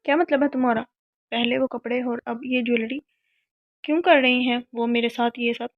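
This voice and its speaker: A woman's voice: fairly high pitch, fairly even intonation, dry recording, natural voice. A woman voicing a defiant young captive woman who talks back in an indignant, sarcastic way. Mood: upset. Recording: dull lo-fi sound.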